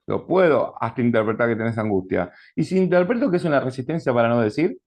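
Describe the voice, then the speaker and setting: Gravelly Argentine man lecturing a class. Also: mid-range voice, very animated, quick pace, a little mellow. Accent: Rioplatense Spanish. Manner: conversational, asks the class frequent check questions. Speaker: teacher.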